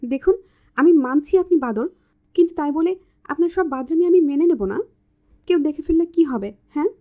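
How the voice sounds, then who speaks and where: A woman voicing a feisty, shy young woman who is quick to anger, scolding and indignant. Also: sits high, dark tone, lo-fi sound, voice pushed up, natural voice.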